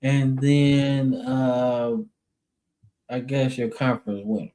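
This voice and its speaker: Mellow, slangy male sports co-host. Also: mid-range voice, fairly even intonation, slow pace. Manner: slangy, blunt, laid-back. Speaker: podcast co-host. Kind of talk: casual sports chat.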